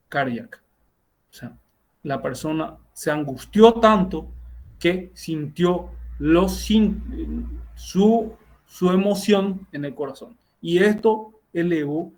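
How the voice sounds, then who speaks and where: A middle-aged man, a doctor teaching a class, tells a clinical case in a halting way with frequent restarts and tag questions, heard over a video call. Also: fairly high pitch, vocal fry, a little mellow. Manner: halting, many self-corrections and tag questions. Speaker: university lecturer and doctor. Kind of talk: lecturing with a clinical case story.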